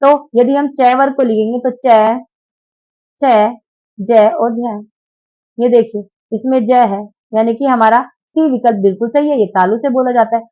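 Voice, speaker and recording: A woman's voice: a little high, normal speed, muffled recording. A woman teacher taking students patiently through exam questions, calling them 'beta' and drilling sounds aloud. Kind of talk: exam prep lesson.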